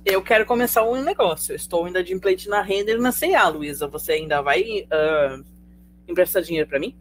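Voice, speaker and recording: A teacher with a Brazilian accent gives a brisk live remote sociology lecture in an easy, conversational voice of middling pitch. Rhetorical questions and checks on student understanding run throughout, with a faint hum in the background.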